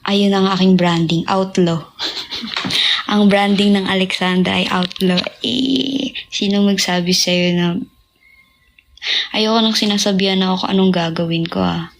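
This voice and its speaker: A young woman singer chatting casually with fans on a livestream, drifting between talk, sung snippets and soft whispers. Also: medium pitch, fairly even intonation, measured pace, vocal fry, long pauses, a little hiss or hum.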